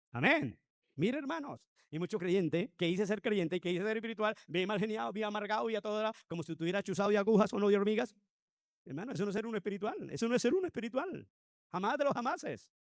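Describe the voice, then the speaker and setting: A pastor teaching Sunday school, preaching emphatically and firing rhetorical questions at the congregation. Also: male voice, on the high side, no echo, studio quality.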